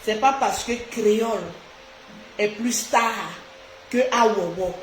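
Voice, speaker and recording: A woman's voice: a little high, takes it slowly. A woman hosting a casual live stream, talking outspokenly and animatedly straight to her viewers. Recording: echoey room with faint noise.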